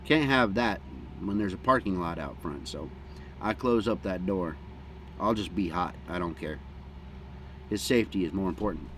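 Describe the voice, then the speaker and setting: A man's voice: deep voice, normal speed, long pauses, fairly bright tone. A middle-aged American man chatting casually and unhurriedly outdoors in a folksy, plain-spoken way, with a pipe in his mouth between puffs. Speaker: vlogger. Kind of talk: casual rambling outdoor chat. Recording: clear background noise, outdoor hum.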